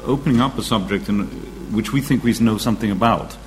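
Low-ish guy moderating the q&a, brisk, faint hum behind. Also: poor audio. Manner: brisk, directing the room. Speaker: event chair.

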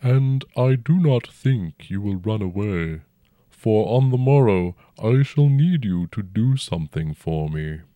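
A man voicing a huge, very old and noble dragon who speaks slowly and formally with a rumbling tone. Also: animated, dry recording, phone-quality sound. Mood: stately, probing. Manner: slow, stately and formal, old-fashioned speech. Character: ancient noble dragon, huge, calm and probing.

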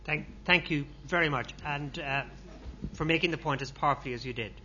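Bright-voiced man chairing a debate. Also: fairly high pitch, lo-fi sound, a little hiss or hum. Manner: brisk, polite. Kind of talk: moderating a debate.

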